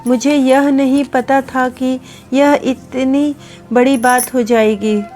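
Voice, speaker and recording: A woman's voice: high voice, steady tone, slow, a little mellow, soft background music. A woman voicing a guilty teenage schoolboy who pleads tearfully with his sister-in-law in a storybook reading. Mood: pleading. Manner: pleading, sobbing delivery.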